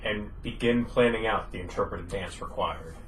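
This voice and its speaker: A man's voice: on the low side, moderate pace, slight background noise, rough recording. A man playing a tabletop game, bantering casually with dry, argumentative humour.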